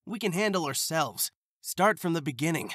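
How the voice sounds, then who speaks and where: A man's voice: fairly high pitch, expressive, moderate pace, fairly bright tone, dry recording, clean studio sound. A man voicing a cocky, easygoing young hedgehog hero with a breezy, teasing delivery in a comic dub. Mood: breezy, confident. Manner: breezy, teasing, self-assured. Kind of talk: amateur comic dub acting. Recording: music behind the voice.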